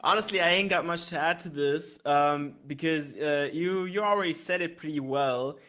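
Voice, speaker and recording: Bright, slightly high male reviewer. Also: normal speed. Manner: easygoing, restarts often, gives practical tips. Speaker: music reviewer. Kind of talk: casual review chat on a live stream. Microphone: online call.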